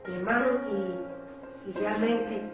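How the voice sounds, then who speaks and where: A woman's voice: medium pitch, steady tone, takes it slowly. A woman giving an emotional religious testimony, repeating herself and calling her listeners brother. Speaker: testifying church member. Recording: echoey hall, far from mic, with music.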